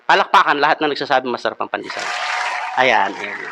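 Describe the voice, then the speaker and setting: A man's voice: mid-range voice, quick pace, vocal fry, a crowd in the background, background noise. A man hosting a comedic devotional talk, playfully quizzing his listeners and switching into English. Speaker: devotional host.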